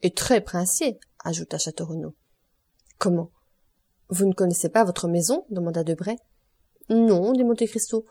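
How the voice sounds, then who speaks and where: Mellow-voiced woman reading a classic novel. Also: fairly low pitch, normal speed, long pauses, breathy edge. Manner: reads all characters in a lightly varied voice. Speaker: audiobook reader. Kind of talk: scripted narration of a classic novel.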